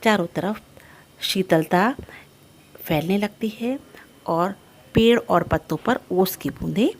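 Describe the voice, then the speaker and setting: A woman's voice: mid-range voice, takes it slowly. A woman teaching a Hindi lesson, explaining a poem line by line and stacking up synonyms for each word. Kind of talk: explaining poetry in a class lesson.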